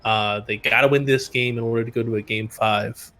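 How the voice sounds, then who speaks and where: A man casts an amateur esports final with play-by-play, explaining the drafts steadily as his voice tires. His voice is medium-pitched, steady, and a bit bright, and he speaks fairly quickly.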